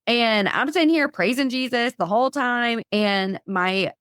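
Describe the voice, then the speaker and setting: A woman guest on a podcast, telling a lively faith story and acting out her own past thoughts in quotes. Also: on the high side, measured pace, clear, resonant tone, no room sound, clean studio sound.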